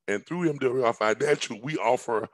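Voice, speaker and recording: On a video call from a large room with a staircase in his home, a middle-aged business presenter delivers a rambling pitch through a headset. He's hoarse from recovering after an illness, talks at normal speed, and keeps coughing, repeating words and saying um. The recording sounds dry.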